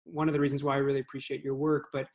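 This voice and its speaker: A man's voice: mid-range voice, level tone, rapid-fire. A man hosting a museum artist talk, introducing and interviewing the guest with thoughtful questions. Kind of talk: hosted conversation.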